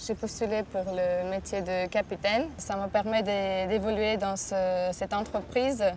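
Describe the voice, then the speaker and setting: A woman, a boat deckhand speaking in a workplace interview, pausing often to find her words. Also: mid-range voice, steady tone, a little mellow, slight background noise. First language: Armenian. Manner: thoughtful, many filler pauses. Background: background music.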